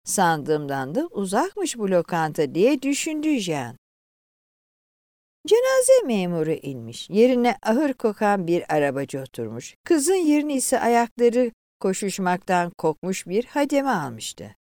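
A woman's voice: mid-range voice, wildly swooping pitch, a little slow, dark tone, dry recording, studio quality. Woman narrating a story expressively.

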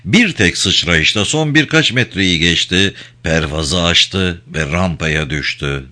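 A man narrating an audiobook with a dramatic, expressive reading. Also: deep voice, slow pace. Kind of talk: scripted narration.

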